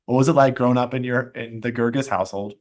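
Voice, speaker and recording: A man of middle pitch hosting a podcast interview. He talks in a casual, upbeat way, full of "like" and "um". His voice sits in an ordinary register. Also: steady tone, fast. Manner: casual, upbeat, many "like" and "um" fillers. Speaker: podcast host.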